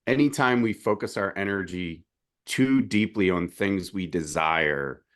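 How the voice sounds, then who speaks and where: A man co-hosting a podcast, with a deep morning voice, reflecting steadily in casual conversation. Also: fairly bright tone. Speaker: podcast co-host. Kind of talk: casual discussion.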